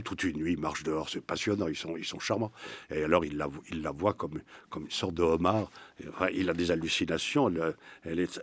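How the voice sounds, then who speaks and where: A man speaks in a very low, husky voice, restarting sentences often as he talks in a lively way. He sounds like a guest writer in a radio studio, and the dry sound is close to the mic. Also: dry recording. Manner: lively, many restarts and fillers. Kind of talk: animated studio conversation.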